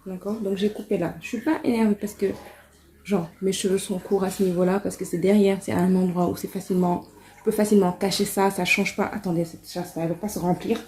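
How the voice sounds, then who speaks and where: A woman talking casually to camera as a hair vlogger, chatty and animated with exasperated asides. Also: medium pitch, fast. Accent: French. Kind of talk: casual vlog chat.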